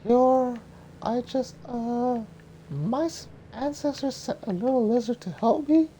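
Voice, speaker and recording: Nervous young woman warrior played by a man in falsetto, high and hesitant, cartoon dialogue, noisy recording. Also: mellow. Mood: disbelieving. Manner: hesitant, halting. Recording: noticeable background noise.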